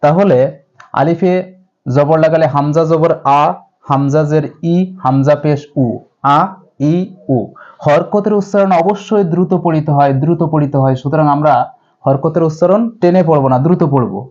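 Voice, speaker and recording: A man teaching a step-by-step recitation lesson to viewers, drilling syllables slowly with much repetition. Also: fairly high pitch, a little mellow, lo-fi sound. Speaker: Quran reading teacher.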